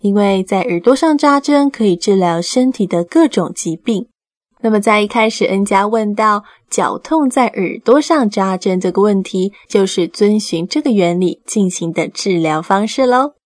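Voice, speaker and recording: A woman presents a children's radio programme. She speaks at a middling pitch and explains things simply, as though talking to little ones. The sound is dry and close. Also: expressive, moderate pace, no room sound.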